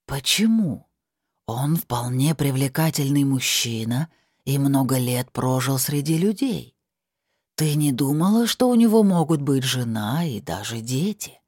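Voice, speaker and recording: A cruel invisible spirit with a husky, breathy voice, taunting and scornful in every word, as a woman puts him on for an audiobook. He drags his words out slowly, in a dry, close-miked read. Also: very deep voice, expressive, a little mellow, no room sound, full character voice. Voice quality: husky, slow and drawn out. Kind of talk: audiobook narration.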